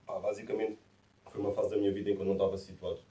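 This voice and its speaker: A man in his twenties with a Lisbon accent and a deep timbre, chatting casually in laid-back street slang as an interviewed musician. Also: flat delivery, rapid-fire, mellow. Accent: Lisbon Portuguese. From Massamá, greater Lisbon, Portugal. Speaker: musician and producer being interviewed. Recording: roomy echo, distant from the mic.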